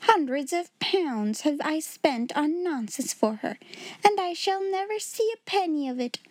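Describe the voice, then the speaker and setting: A woman's voice: high voice, lively intonation, measured pace, dry recording, voice pushed up. A woman voicing a stern, furious schoolmistress from a storybook, speaking in a fierce, commanding and bitterly ironic way. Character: stern, furious, hard-hearted middle-aged schoolmistress. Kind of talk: storybook character voice.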